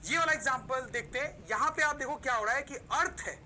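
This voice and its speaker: Woman teacher, lecture to camera, piercing bright tone, rhetorical questions to "students". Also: sits high, slight background noise, poor audio. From Pakistan. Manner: explains slowly, poses questions and answers them herself; addresses the listeners as "students" almost every sentence. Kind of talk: recorded video lecture.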